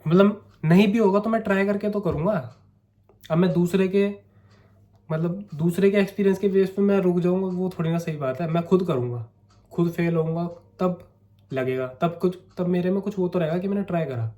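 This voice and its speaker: Brief: young man, hoarse throat, slightly high but mellow voice, casual coaxing vlog talk. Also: a little fast. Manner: chatty, coaxing, keeps saying "theek hai". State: sore throat, coughing. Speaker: vlogger. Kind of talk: casual talking-to-camera vlog.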